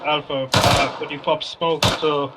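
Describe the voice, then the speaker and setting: Very low, flat woman over a radio. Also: measured pace. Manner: terse, flat callouts. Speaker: fireteam radio operator. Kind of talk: clipped military radio procedure. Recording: distant voice with loud noise.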